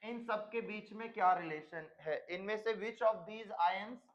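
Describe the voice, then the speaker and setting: A man's voice: high voice, takes it slowly, highs cut off. A man teaching a chemistry class in a stern lecturing manner, mixing English terms into his speech. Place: coaching classroom.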